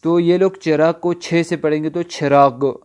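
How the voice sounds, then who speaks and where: A man teaching a recorded online language lesson in a smooth, clear voice pitched a little high. He works patiently through vocabulary, poses rhetorical questions, and spells words out letter by letter. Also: little pitch movement, dark tone. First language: Urdu. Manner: slow repetitive explaining with rhetorical questions.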